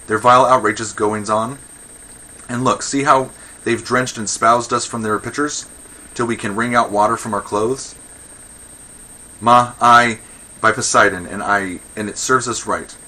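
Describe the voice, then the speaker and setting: A man with a mid-range, sharp-toned voice plays a pompous, indignant old Athenian magistrate in a verse comedy read aloud. He declaims with blustering contempt for women, and the recording quality is low.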